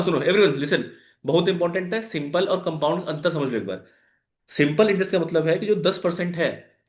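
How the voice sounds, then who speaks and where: A man's voice: a little high, reverberant. A man with an Indian accent teaching a live online maths class, explaining step by step and putting questions to his students. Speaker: maths tutor.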